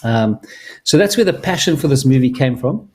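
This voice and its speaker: A man's voice: medium pitch, animated, normal speed. A middle-aged man from Zimbabwe, a filmmaker speaking earnestly and enthusiastically to an audience, with many restarts. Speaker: filmmaker presenting his film. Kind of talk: earnest personal talk to an audience.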